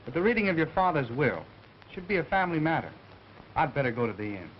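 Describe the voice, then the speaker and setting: An actor playing a brisk, reassuring gentleman doctor in early 1930s film style, on a muffled old soundtrack. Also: on the high side, very animated, a little hiss or hum. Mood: courteous, reassuring.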